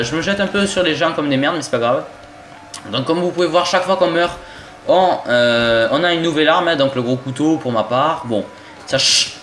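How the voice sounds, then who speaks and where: A young man from southern France with a southern French accent, giving excitable, swearing gameplay commentary as he plays an online shooter. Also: medium pitch. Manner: excitable, swears often, jokey asides. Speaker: gaming YouTuber. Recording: roomy home recording with game music.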